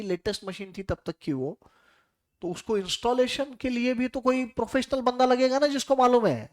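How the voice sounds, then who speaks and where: A man teaching an accounting class in a classroom. He keeps asking the class rhetorical questions and slips English terms into his explanations. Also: sits high. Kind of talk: classroom lecture.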